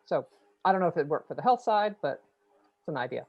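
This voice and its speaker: A woman taking part in a seminar over a video call. She asks a long, measured question and comment with some fillers. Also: low voice, expressive, breathy edge. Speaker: seminar participant asking a question. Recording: dry, slightly dull video call audio.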